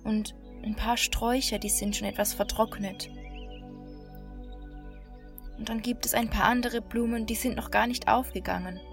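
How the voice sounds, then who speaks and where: A woman guiding a meditation in a slow, calm, soothing hypnotist-like manner, with long pauses between short phrases. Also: fairly high pitch, gravelly. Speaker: meditation guide. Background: new-age music.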